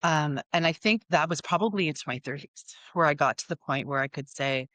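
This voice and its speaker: Low-voiced reflective woman guest. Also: fairly bright tone, dry recording. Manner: reflective and halting, with restarts. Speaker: guest therapist. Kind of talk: casual chat.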